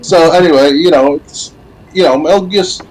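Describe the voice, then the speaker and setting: A man hosting a gaming podcast, chatting casually and nostalgically, then reading game news in a steady voice. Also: a little high, normal speed, rough recording. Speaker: podcast host.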